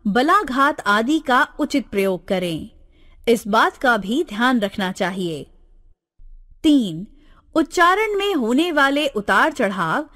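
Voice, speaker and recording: A woman reading a grammar textbook lesson aloud in a slow, deliberate, textbook manner. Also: high voice, fairly bright tone. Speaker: teacher.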